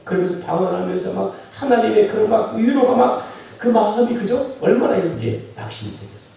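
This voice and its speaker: A man's voice: high voice, expressive, a little fast, vocal fry, dark tone. A male pastor preaching a sermon, telling a story and putting questions to the congregation, heard from a distance in a church. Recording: echoey church hall, distant mic.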